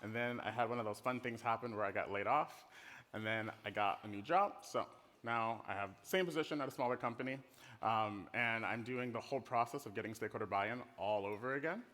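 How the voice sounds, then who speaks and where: Speaking fairly low and a little quickly, the middle-aged design director from the Netherlands has a slightly bright tone and an American accent. His conference talk on a hall stage is relaxed, conversational and playful. Reverb from the hall colors the recording.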